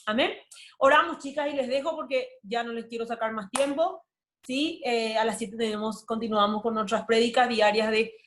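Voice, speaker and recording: A woman's voice: on the high side, fairly even intonation, normal speed. A woman leads a discipleship talk for women, telling a family story in a conversational way with many fillers. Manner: conversational, often adds "¿verdad?", many fillers. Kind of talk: devotional teaching with a family anecdote.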